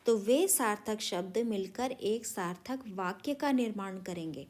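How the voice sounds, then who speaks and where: Slow, patient woman teaching children. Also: medium pitch. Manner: patient, addresses children, spells out words slowly. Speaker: primary school Hindi teacher. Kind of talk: recorded classroom lesson for children.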